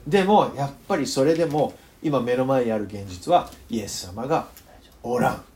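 A man with a northern Kyushu accent preaching a sermon, telling the story with animated, joking asides. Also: mid-range voice, moderate pace. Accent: northern Kyushu Japanese. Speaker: pastor.

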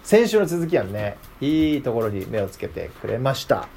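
A man's voice: medium pitch, moderate pace, gravelly, slight background noise. A man leading a casual, interactive Bible lesson, often putting questions to his listeners. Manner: lively, asks the group questions. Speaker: Bible class teacher.

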